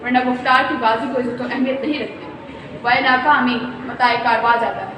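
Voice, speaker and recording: A woman's voice: on the high side, steady tone, brisk. A woman giving a formal oratorical speech with rhetorical Urdu diction, recorded from far off in a large hall. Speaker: speaker in a speech contest. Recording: echoey hall from far off, noisy.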